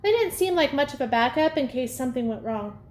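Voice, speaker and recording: A woman reading a storybook aloud in a lively first-person telling. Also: high-pitched, brisk. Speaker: audiobook reader. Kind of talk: storybook narration. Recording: echoey room, faint ambience.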